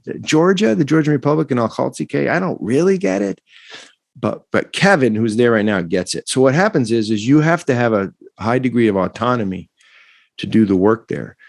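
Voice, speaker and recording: A man guesting on a podcast, talking in an animated, rambling way and often turning to address the host. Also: mid-range voice, brisk, vocal fry, dry recording, clean studio sound. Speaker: guest, non-profit founder and educator. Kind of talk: casual podcast conversation.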